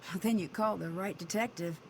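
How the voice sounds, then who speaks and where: An actress voicing a young skeptical woman detective who answers calmly and with dry humor. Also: fairly low pitch, quick pace, slight background noise, natural voice. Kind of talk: video game voice acting.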